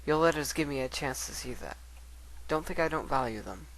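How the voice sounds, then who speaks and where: Man reading as an earnest bookish unicorn scholar, higher-pitched. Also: lively intonation, a little fast, a bit bright, rough recording. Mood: earnest, fond. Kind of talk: dramatic reading of letters.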